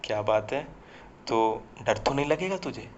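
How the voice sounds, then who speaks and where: A man's voice: mid-range voice, expressive, measured pace, dull audio, slight background noise, lightly acted. Man voicing a teasing young student friend. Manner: playful, mocking.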